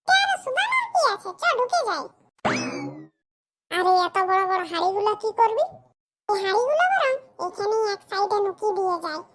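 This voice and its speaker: In a comedy cartoon, a performer plays a cheeky, mischievous poor village boy from rural West Bengal, grumbling through brash colloquial banter in a squeaky voice. The full character voice is very high and a bit bright, with a little hiss or hum.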